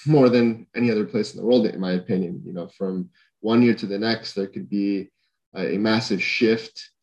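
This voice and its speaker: A man's voice: fairly low pitch, steady tone, moderate pace, a little mellow, highs cut off. Thoughtful young man with many fillers. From Honduras. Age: young adult. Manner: thoughtful, lots of fillers and restarts. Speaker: podcast guest. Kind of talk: casual conversation.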